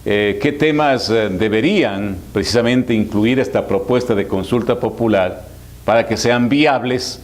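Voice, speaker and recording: Hombre ecuatoriano de voz grave, entrevistador formal. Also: male voice, lowish voice, unhurried. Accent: Ecuadorian. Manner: wordy, formal phrasing. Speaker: radio interviewer and host. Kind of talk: formal political interview.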